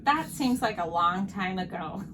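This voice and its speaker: A woman's voice: medium pitch, animated, unhurried. A woman casually interviewing a relative, asking short questions and echoing back the answers. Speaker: interviewer, granddaughter. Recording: clear background noise.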